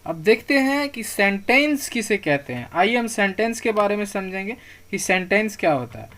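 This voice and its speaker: A man with a high, sing-song voice and a sharp tone teaches grammar terms on slides. He repeats key words slowly for pronunciation, asks and answers his own questions, and tells learners not to worry.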